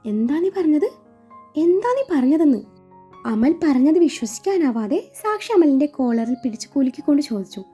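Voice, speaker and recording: A woman reading a romantic story aloud in a soft, emotional way and voicing the characters' lines. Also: high-pitched, husky. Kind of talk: scripted romance story narration with character voices. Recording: dull lo-fi recording with faint music.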